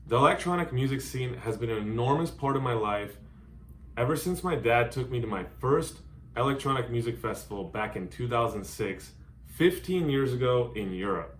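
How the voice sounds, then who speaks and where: A Hungarian-born man in his thirties introduces himself to camera as a DJ and music producer, in an earnest, carefully worded script. His mid-range voice is expressive and moves at a moderate pace. The room echoes noticeably, with slight background noise.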